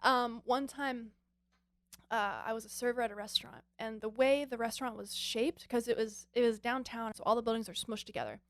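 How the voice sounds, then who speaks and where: A woman co-hosting a podcast, telling a chatty personal story and now and then clearing her throat. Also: fairly high pitch, steady tone, a little fast, dry recording. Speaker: podcast co-host. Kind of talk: casual anecdote.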